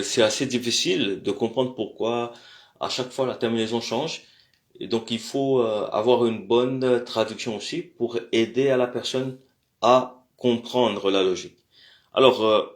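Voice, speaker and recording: A man giving a language lesson, speaking haltingly with many pauses and fillers and slowly repeating words for pronunciation. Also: lowish voice, echoey room. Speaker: language teacher. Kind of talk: slow spoken lesson.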